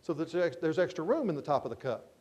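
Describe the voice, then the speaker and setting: An irritated traveling salesman, put on by a male speaker mid-story, pressing his point with growing exasperation. The voice sits high for a man and drops lower as his patience runs out. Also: big pitch swings, quick pace, a little mellow, muffled recording. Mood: explaining. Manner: exasperated, insistent.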